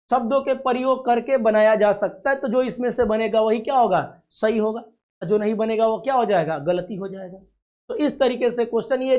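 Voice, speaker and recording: A man teaching a reasoning lesson to students for a coaching video. He talks confidently, promises results and often checks whether the class has understood. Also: very high voice. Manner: coaxing, asks "clear?" often, calls students dear children.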